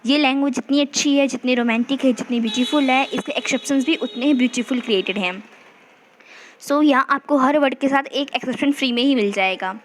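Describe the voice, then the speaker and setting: A woman's voice: high-pitched, a little fast, slight background noise. A woman teaching an online language lesson, patiently explaining in Hindi and English and reading dialogue aloud. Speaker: French teacher.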